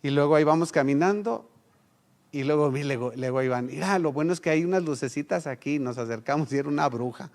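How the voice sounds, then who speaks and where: A middle-aged Mexican pastor preaches in a slightly high, gravelly voice. He speaks with a Mexican Spanish accent and tells stories with animation, putting on the voices of the people he quotes. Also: quick pace, a little mellow. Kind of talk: sermon with personal anecdote.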